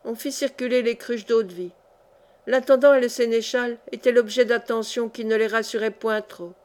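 A woman reads a historical novel aloud in a clear, steady way. Her voice is somewhat high. The delivery is even and paced for an audiobook. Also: moderate pace. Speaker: audiobook reader.

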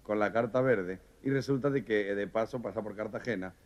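A man's voice: lowish voice, fairly quick, darkish tone. Chatty Spanish joke-telling man. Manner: chatty, storytelling asides and restarts. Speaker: comedian.

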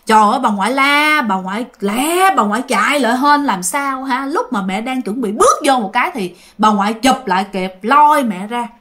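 A woman's voice: fairly high pitch, brisk, few pauses. A woman telling a ghost story casually, speaking directly to her listeners. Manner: animated, addresses listeners directly.

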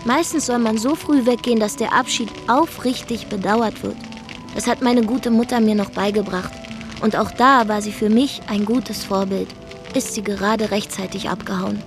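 In a radio drama monologue, an actress narrates in the first person as a brash, defiant young woman from Zeeland. Her high-leaning voice, close to how she'd normally talk, moves at a moderate pace with dry, wry storytelling while music plays in the background.

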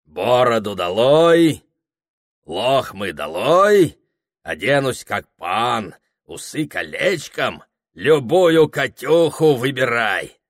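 Man doing a rowdy bearded gold-digger, boastful and loud, greedy, his speech unhurried and drawling, in a slow audiobook read, with a dry close sound and nothing around it. The voice is pushed up from the reader's low, middle-pitched tone. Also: expressive, no room sound, exaggerated voice. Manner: swaggering and loud.

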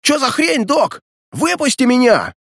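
A man doing a shrill, panicking young punk. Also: sing-song, slow pace, slightly rough, dry recording, clean studio sound, full character voice. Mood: panicked yelling. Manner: shrill, hysterical yelling.

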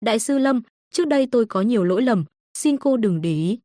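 A woman's voice: a little high, expressive, fairly quick, warm tone, dry recording, clean studio sound, natural voice. A woman voicing a cowardly middle-aged male swindler who panics, pleads and sobs. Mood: pleading.

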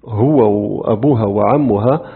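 A middle-aged man teaching a lecture on religious creed, animated, asking rhetorical questions and answering them himself. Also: fairly low pitch, moderate pace, husky. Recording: tinny phone-like lo-fi recording.

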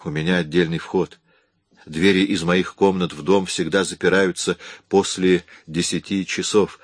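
A bored, spoiled young rich woman who answers flatly and reluctantly, read by a man. The voice stays deep and low, and the recording is dry and close, with no room echo. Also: normal speed, slightly rough. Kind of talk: audiobook reading.

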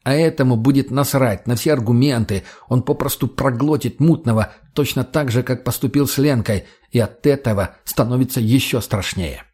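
A man narrating an audiobook with a husky, grainy voice at a middle pitch. His reading is steady and measured. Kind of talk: scripted narration.

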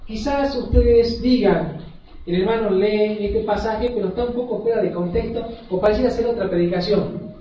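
A hoarse male preacher giving an emphatic sermon, often putting questions to the congregation. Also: high voice, normal speed, slight background noise. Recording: echoey hall from far off, dull and lo-fi.

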